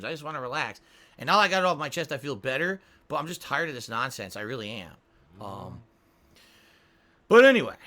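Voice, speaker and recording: A man's voice: mid-range voice, sharp tone. A man streaming a game, venting in frustration with heavy swearing and repeating himself as he reads out viewer tips. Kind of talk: casual live-stream chat.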